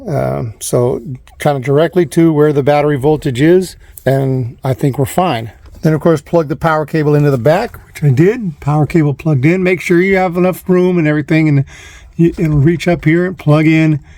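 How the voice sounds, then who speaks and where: A vlogger with a slightly high but dark-toned voice, without echo, gives an informal, rambling how-to on a DIY install in and around a parked van, repeating points as he goes. The handheld recording is noisy and has clicks.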